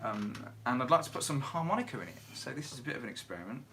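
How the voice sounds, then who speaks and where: A man's voice: medium pitch, sing-song, rapid-fire, gravelly, over music. A man hosting a casual livestream from home, chatting and reading out viewer comments. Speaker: livestream host and musician.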